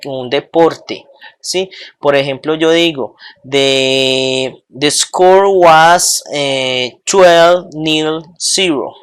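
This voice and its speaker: Give me a very slow-paced teacher leading a recorded pronunciation lesson. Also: mid-range voice, fairly bright tone. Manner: drills words slowly, checks in with the class often. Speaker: English teacher.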